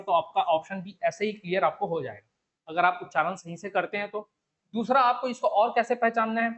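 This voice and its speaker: A man's voice: sits high, a bit bright, lo-fi sound. A man teaching a Hindi spelling lesson online with a Chhattisgarhi Hindi accent, going through the options step by step and repeating key words. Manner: explains step by step, repeats the question and the answer over and over. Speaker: exam coaching teacher.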